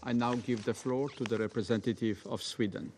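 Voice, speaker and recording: A man's voice: mid-range voice, steady tone, brisk, a little mellow, a little hiss or hum. A man chairing the council, giving the floor in a brief, procedural way. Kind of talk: formal chairing. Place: UN Security Council chamber.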